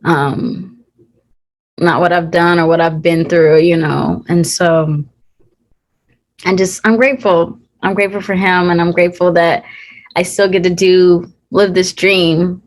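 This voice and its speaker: A woman's voice: lowish voice, fairly even intonation, unhurried. A young woman actor talking in a casual interview, earnest and heartfelt, with many fillers and restarts. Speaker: guest, actor.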